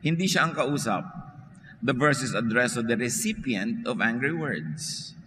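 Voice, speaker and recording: A Filipino-accented male pastor preaches in a clear, bright voice, slowing down and stretching words for emphasis. His voice rings with a long reverb, and a faint hiss sits underneath. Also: mid-range voice, sing-song. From Philippines. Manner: slow, deliberate preaching with emphatic stretched words, mixing Tagalog and English. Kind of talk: sermon.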